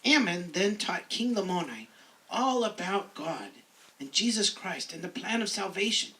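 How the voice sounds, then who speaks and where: A woman's voice: medium pitch, animated, a little slow, bright, forceful tone, distant mic. A woman narrating a story for an amateur puppet show. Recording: recorded away from the mic.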